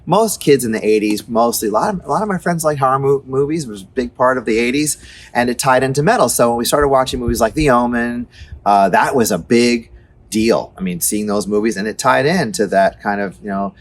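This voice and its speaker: A middle-aged man with a medium-pitched voice hosts a casual music chat on a street at night. Talking a little fast, he rambles enthusiastically with lots of fillers.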